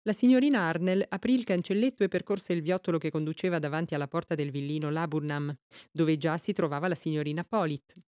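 Smooth low-voiced woman reading a mystery. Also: fast talker, dark tone, dry recording, clean studio sound. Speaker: audiobook narrator. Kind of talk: scripted narration of a mystery novel.

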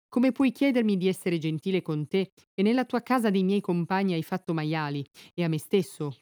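A stern, wary hero king standing his ground, as a woman reader voices him. The delivery is measured and formal, in a low, mellow voice. The sound is close and dry. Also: dry recording, natural voice. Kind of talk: epic poetry read aloud.

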